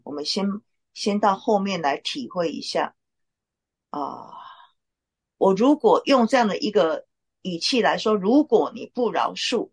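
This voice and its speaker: Gravelly, husky informal preacher. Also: medium pitch. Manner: conversational, with frequent filler particles. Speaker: Bible study leader. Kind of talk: informal sermon teaching.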